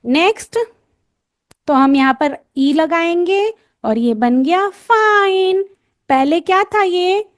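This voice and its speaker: An Indian woman teaching phonics, sounding letters out slowly and quizzing the listener as she goes. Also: very high voice. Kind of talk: lesson for parents and teachers.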